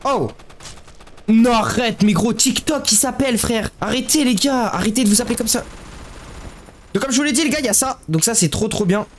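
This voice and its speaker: A man giving casual gameplay commentary, excitable and slangy, often yelling at the game. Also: very high-pitched, fairly quick, slight background noise. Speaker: gaming YouTuber.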